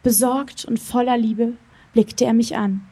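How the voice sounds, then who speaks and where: A woman reads her own story aloud, slow and dreamy, pausing often between phrases. Her voice is mellow and breathy, sitting a bit high for a woman. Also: steady tone. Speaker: reader at a public reading.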